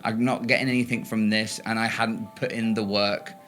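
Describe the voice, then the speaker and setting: A man's voice: fairly low pitch, little pitch movement, moderate pace, fairly bright tone, soft background music. A man in a tabletop podcast chat, talking earnestly and thinking aloud with restarts. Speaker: player in a tabletop game podcast.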